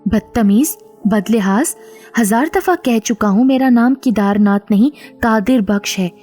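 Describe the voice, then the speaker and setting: A woman's voice: on the high side, unhurried, dark tone, soft background music. A woman reading the part of a touchy middle-aged male servant who complains indignantly.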